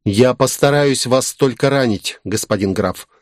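A man's voice: medium pitch, a little slow, no echo, studio quality, natural voice. A man voicing a young viscount who speaks formally and politely, in an audiobook. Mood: formal courtesy. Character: young noble viscount, courteous challenger.

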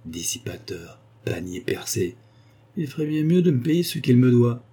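A man's voice: fairly high pitch, brisk, dark tone, pitched above the performer's own voice, natural voice. A man voicing a miserly old rustic wood merchant who talks bluntly and mockingly, in an audiobook. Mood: muttering.

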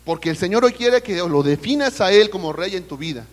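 High-voiced Mexican preacher in a reverberant hall. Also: male voice, animated, fairly quick. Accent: Mexican Spanish. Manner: addresses listeners as brother, asks the congregation questions. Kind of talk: sermon. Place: church service.

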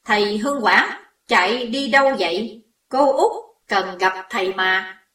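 A woman's voice: mid-range voice, lively intonation, slow, a bit bright. Woman putting on a stammering frightened servant. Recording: roomy echo, distant mic.

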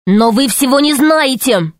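A woman voicing an excitable young boy who pleads urgently in an audiobook story. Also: high-pitched, unhurried, dry recording, clean studio sound, voice pushed up. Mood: pleading.

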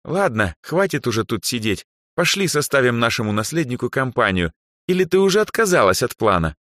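A man voicing a bold, teasing young noblewoman in an audiobook, in an ironic, cheeky way and a much higher voice. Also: big pitch swings, a little fast, fairly bright tone, no room sound, clean studio sound. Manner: ironic, cheeky, sharply raised voice.

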